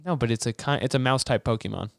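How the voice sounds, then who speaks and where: A man's voice: mid-range voice, quick pace, creaky, clear, resonant tone, dry recording, studio quality. A man co-hosting a podcast, riffing and joking in casual comedic chat. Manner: joking, riffing with mock outrage. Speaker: podcast co-host.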